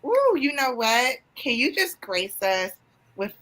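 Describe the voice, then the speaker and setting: A woman's voice: on the high side, sing-song, slow pace, fairly bright tone, rough recording. Effusive woman hosting a live stream. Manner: effusive, emotional, chatty. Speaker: host.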